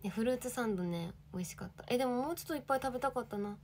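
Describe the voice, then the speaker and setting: A woman's voice: fairly high pitch, very fast, darkish tone, a little hiss or hum. A young woman in her twenties, an idol livestreaming, chatting casually and reading viewer comments with giggly, bubbly energy.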